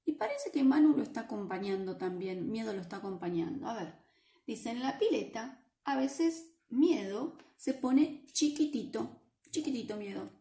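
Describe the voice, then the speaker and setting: A woman with a Rioplatense Spanish accent reads a picture book aloud to children, playful and lively, often asking them questions. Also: on the high side, moderate pace, echoey room. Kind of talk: animated read-aloud for children.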